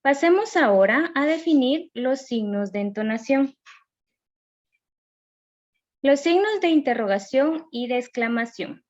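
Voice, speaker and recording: A woman teacher giving a recorded grammar lesson, reading rules and examples slowly and carefully. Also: high-pitched, expressive, a little mellow, muffled recording.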